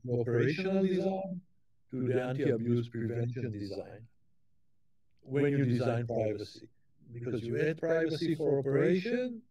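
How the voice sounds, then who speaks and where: A man giving a conference keynote lecture, talking in a halting way with frequent restarts and repeated words. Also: medium pitch, dark tone. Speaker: keynote speaker.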